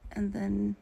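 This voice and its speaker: Woman vlogger and family caregiver, very gravelly and dark-toned, slipping into whispers and laughs while she tells a story. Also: medium pitch, rough recording. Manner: often drops to a whisper, laughs through the telling. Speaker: family caregiver for her father. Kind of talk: casual vlog storytelling.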